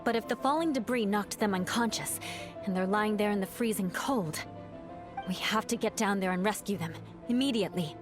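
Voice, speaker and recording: A level-headed woman adventurer, voiced by an actress who gives orders in a steady, mid-pitched voice. She stays composed and decisive, with game music underneath. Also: fairly quick, natural voice. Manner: composed and commanding. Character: calm, level-headed female adventurer who leads the group. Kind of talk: video game voice acting. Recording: game cutscene with music score.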